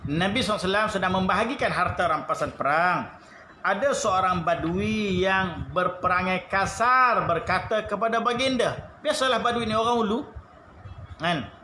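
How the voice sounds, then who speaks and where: A Malaysian Malay man giving a lively, jokey online evening religious lecture in a prayer room and reading out greetings from viewers. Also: high-pitched, moderate pace, roomy sound, a little hiss or hum. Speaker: religious teacher.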